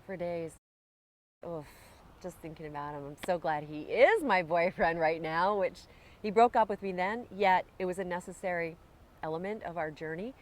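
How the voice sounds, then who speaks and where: A woman guest talking in a casual, animated way about awareness and energy, swearing freely, recorded outdoors. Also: fairly low pitch, moderate pace, poor audio. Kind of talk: casual spiritual conversation. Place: outdoors in Hawaiian upcountry.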